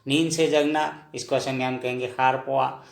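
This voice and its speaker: A man teaching a language lesson, explaining words slowly and repeating each one, often checking in with his viewers. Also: medium pitch, steady tone, creaky, roomy sound. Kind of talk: slow spoken lesson, explaining word by word.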